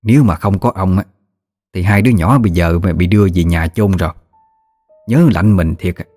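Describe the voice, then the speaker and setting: A man's voice: deep voice, normal speed, darkish tone, faint music behind. Man voicing a blunt old great-aunt. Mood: blunt, marveling. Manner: blunt, exclaiming, rustic speech.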